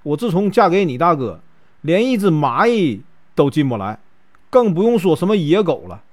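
A man voicing a proud, sharp-tongued young woman who scolds in a raised voice. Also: fairly high pitch, animated, measured pace. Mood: indignant.

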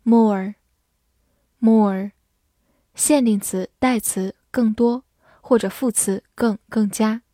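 A woman teacher reading out an English word list, saying each word twice and giving its meanings in an even recitation. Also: a little high, slow pace, long pauses, dry recording. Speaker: vocabulary teacher.

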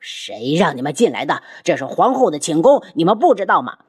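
A woman's voice: sits low, big pitch swings, a little fast, darkish tone, husky, full character voice. A woman voicing a furious, domineering male emperor who barks commands in a storybook reading. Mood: angry. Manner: commanding, threatening.

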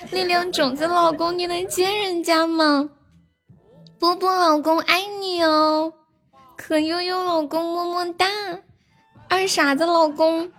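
A woman doing a clingy, pouting girlfriend, high-pitched baby talk, music behind. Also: a bit bright, heavily acted. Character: coy clingy young woman wheedling her boyfriends.

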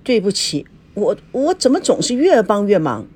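A woman's voice: medium pitch, very animated, moderate pace, a little mellow, breathy edge. A woman voicing a timid young female assistant who talks in a hesitant, apologetic way in a storybook reading.

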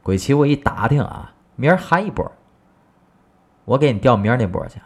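A man voicing a boastful, loudmouthed middle-aged neighbor, talking in a brash, bragging way. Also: medium pitch, very animated, brisk, creaky, slightly rough, voice pushed up, exaggerated voice. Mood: excuse-making.

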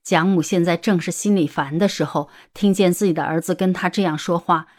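A woman tells the story in a steady, even reading voice that sits a little low. She narrates the scripted audiobook at a measured pace.

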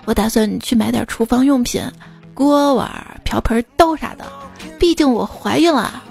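On the high side but gravelly and darkish, this podcast host's voice moves at a moderate pace. She reads jokes and banters about them conversationally with listeners, faint music underneath.

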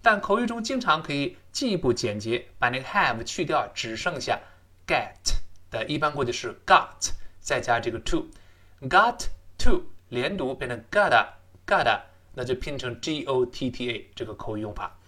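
A man who is a native Chinese speaker, teaching English phrases in a recorded lesson, explaining them and then modeling them slowly and repeating them. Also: medium pitch, animated, bright, forceful tone.

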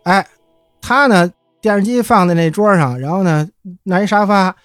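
A man's voice: sits high, normal speed, fairly bright tone, no room sound, faint music behind. A middle-aged man with a Beijing accent, telling stories casually as an interview guest in an easygoing, colloquial way that often repeats itself. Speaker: interview guest, former magazine editor. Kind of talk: casual storytelling.

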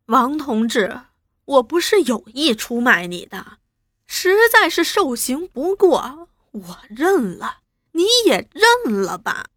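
A woman's voice: a little high, sing-song, unhurried, a bit bright, no room sound, studio quality, heavily acted. A woman voicing a cowardly male traitor who whines and pleads. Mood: pleading. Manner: whining, pleading.

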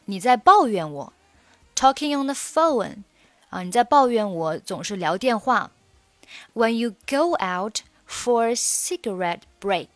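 A woman teaching English phrases in Mandarin, patiently repeating each key word slowly and reading example sentences aloud. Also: medium pitch, no room sound.

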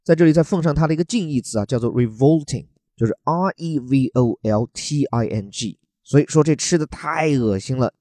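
Chatty english teacher guy from china, spells words out, dark mellow voice, dry close mic. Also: mid-range voice, fairly quick, no room sound. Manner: chatty, joking asides, spells words out letter by letter. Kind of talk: explaining English vocabulary from a news article.

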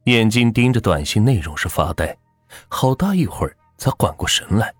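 A man tells a ghost story at normal speed in a husky, fairly low voice, animated, with his pitch rising and falling alongside the drama. The recording is dry and close to the mic, with soft music faintly underneath.

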